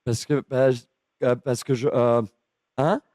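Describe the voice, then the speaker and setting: A confused, lonely patient who stammers and loses every sentence, as a man puts him on during a prank call. His voice sinks low and soft, and he mumbles into long pauses. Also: fairly even intonation, no room sound, clean studio sound, close to an everyday voice. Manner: stammering, halting, trailing off.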